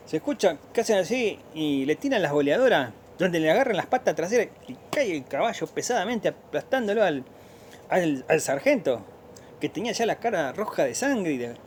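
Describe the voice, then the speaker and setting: Argentine man, storyteller, animated swoops, fairly high voice, faint noise behind. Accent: Argentine Spanish. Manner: rambling, many restarts, sound-effect words. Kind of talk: spoken folk tale.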